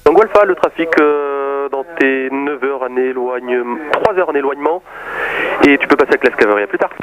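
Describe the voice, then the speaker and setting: A man's voice: medium pitch, fairly quick, crowd noise, rough recording. A man giving informal, conversational air traffic control instructions over the radio. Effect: radio transmission.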